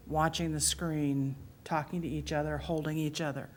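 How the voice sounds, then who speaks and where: A middle-aged audience member reflects on her past during a talk held in a public library meeting room, her voice low, steady, heartfelt and moved. Her pace is moderate, and there's a little hiss or hum in the recording.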